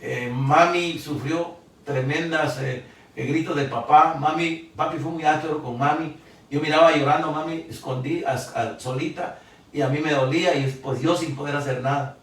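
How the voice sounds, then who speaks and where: A man in his sixties from Guatemala, gives an emotional sermon testimony, halting with repeated restarts. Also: a little high, steady tone, fairly bright tone. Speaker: preacher. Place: church hall. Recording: echoey church from far off.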